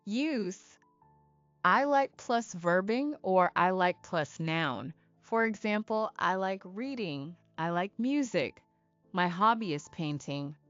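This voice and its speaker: A woman teaching English to beginners in a slow, clear, deliberate scripted style, asking learners to repeat after her. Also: mid-range voice, expressive, a bit bright, dry recording, lo-fi sound, soft background music. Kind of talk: slow scripted lesson narration.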